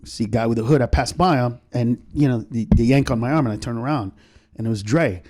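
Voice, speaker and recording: A middle-aged male comedian, a podcast guest, telling a story in a rapid, profane way and acting out the voices in it. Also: mid-range voice, darkish tone. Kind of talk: animated storytelling in a podcast chat.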